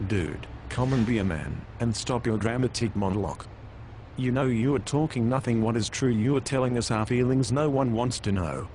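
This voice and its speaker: A man's voice: mid-range voice, moderate pace, darkish tone, slight background noise, natural voice. A man playing an impatient superhero colleague in a skit, scolding bluntly. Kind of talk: acted dramatic skit.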